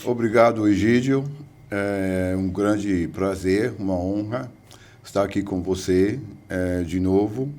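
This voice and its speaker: A man's voice: on the low side, takes it slowly, a little mellow. An older man from the United States with an American English accent, a guest professor speaking hesitantly with many fillers in an interview. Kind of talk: interview conversation.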